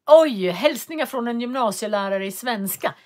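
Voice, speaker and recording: A woman's voice: a little high, expressive. Woman, livestream host at home, loose and chatty, stops and starts as she reads comments. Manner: chatty, reads out viewer comments, frequent hesitations. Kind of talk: casual livestream chat. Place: cold home office.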